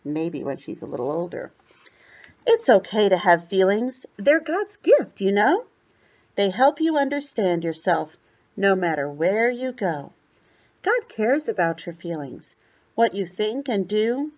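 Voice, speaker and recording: An older woman reads a children's picture book aloud in a gentle, coaxing way, her voice swooping up and down as she turns each page into a question for the little one. The recording is dull and lo-fi. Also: medium pitch, big pitch swings, measured pace. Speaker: grandmother reading to her grandchildren.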